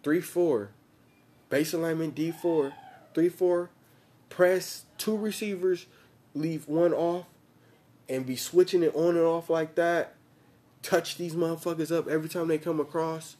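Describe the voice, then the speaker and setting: A young American man with a soft-edged, mellow tone chats casually like a frat bro. His talk is heavy with slang and swearing, and he hammers his points home by repeating them. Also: a little high, fairly even intonation, a little slow. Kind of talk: casual chat about football tactics.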